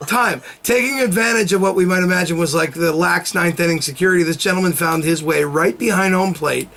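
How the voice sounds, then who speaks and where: A man's voice: high-pitched, brisk, a bit bright. A man co-hosting a comedy show, telling a news story in rambling, giggly banter.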